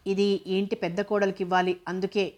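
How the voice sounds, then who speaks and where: A woman's voice: medium pitch, flat delivery, quick pace, darkish tone, close to an everyday voice. A woman voicing a proud, mocking young man. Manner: proud, mildly sarcastic.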